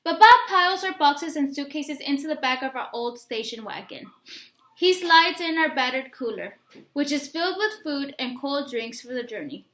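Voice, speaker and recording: A woman with a bright, high voice reads a picture book aloud, stopping to ask her young listeners questions. Expressive and instructive like a teacher, she speaks right to the children, and the room sounds roomy and echoey.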